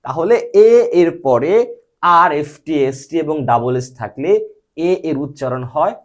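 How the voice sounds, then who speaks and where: A man leads a patient one-to-one lesson, his voice rising and falling in a lively, animated way. He keeps checking understanding with short questions and spells words out letter by letter. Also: on the high side, a little slow. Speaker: English teacher. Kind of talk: patient spoken lesson, quizzing a student.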